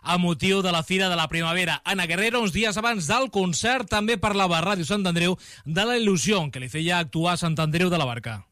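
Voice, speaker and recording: A man reading a local radio news report in a measured, scripted way. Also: high voice, sharp tone, no echo. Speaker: news presenter.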